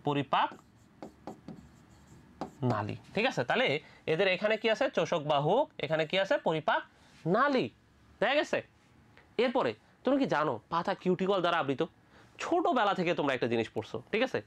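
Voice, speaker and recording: A quick-talking tutor from Bangladesh teaching biology for medical admission. The voice swoops up and down constantly, firing questions at the class and answering them right away. Casual, playful asides keep the lecture moving. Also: mid-range voice, very animated.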